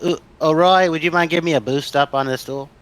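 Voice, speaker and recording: A man's voice: a little high, fast talker, fairly bright tone, close to an everyday voice. A man voicing a small, polite fantasy adventurer in a tabletop game, hesitant and quaintly courteous.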